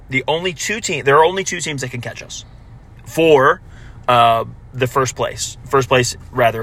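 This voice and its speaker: Man on low-quality car audio, bright voice. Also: creaky. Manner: talks through standings with frequent self-corrections. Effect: low-quality audio recorded while driving. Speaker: podcast co-host. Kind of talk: casual soccer recap chat. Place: moving car.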